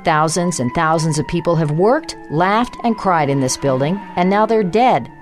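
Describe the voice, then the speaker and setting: Low-voiced female radio reporter. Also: moderate pace, soft background music. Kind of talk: scripted feature narration.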